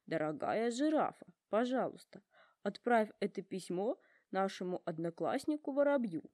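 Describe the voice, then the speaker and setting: A woman's voice: mid-range voice, animated, normal speed, a little mellow, no room sound, studio quality, close to an everyday voice. A woman voicing a well-mannered young male elephant in a storybook, polite, earnest and heartfelt. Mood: confiding.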